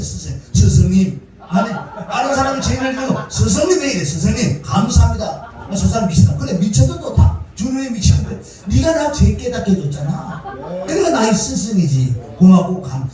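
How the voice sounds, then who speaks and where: High-pitched animated pastor preaching. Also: male voice. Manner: animated, calls for amens. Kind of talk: sermon. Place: church sanctuary. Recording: echoey church hall from far off, music behind.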